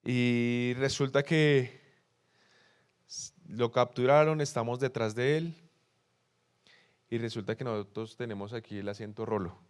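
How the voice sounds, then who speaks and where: A young man from Colombia, a pastor with a Bogotá accent, preaching in an animated way, asking the congregation questions and acting out quoted excuses. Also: medium pitch, a little slow, pauses often, smooth. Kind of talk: sermon.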